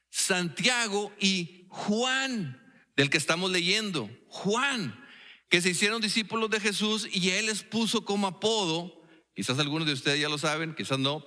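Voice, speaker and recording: A man's voice: high voice, bright, forceful tone. A man with a Mexican accent preaching a sermon in a church, playful and full of storytelling and jokey asides. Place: church sanctuary. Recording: echoey church hall.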